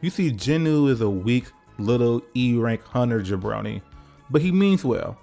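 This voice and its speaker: A man delivers a loose, comedic video essay, breaking off into jokes, swearing and chatty asides to the viewer. His mid-pitched voice has a gravelly rasp to it, and soft music runs underneath him. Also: expressive, normal speed. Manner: joking, profane, conversational asides.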